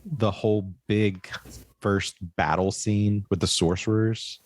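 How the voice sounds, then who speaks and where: Podcast host, man, deep voice, dry mic, eager and conversational. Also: steady tone, no room sound. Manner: enthusiastic, quick affirmations. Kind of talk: casual film review chat.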